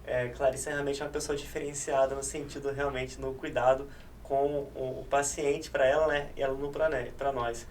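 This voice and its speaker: A man's voice: medium pitch, flat delivery, normal speed. Enthusiastic chatty man, distant mic. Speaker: podcast co-host, trainer. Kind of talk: casual podcast chat. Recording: distant mic with faint noise.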